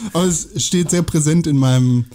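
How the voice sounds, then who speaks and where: Mellow-voiced man in casual chat. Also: fairly high pitch, normal speed. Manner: joking, reading book passages aloud. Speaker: podcast co-host. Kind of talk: casual chat among friends.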